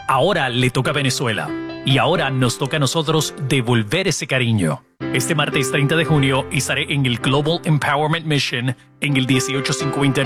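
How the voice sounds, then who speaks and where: A man from Rico, a radio host making an earnest, heartfelt charity appeal. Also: mid-range voice. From Puerto Rico. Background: guitar music.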